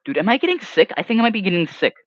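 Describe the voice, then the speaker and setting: A young livestream host whose first language is Hebrew talks very fast in a high voice, casually reading comments. He rambles in an animated way and sometimes trails off into mumbles, recorded with no echo on a dry, slightly muffled home mic.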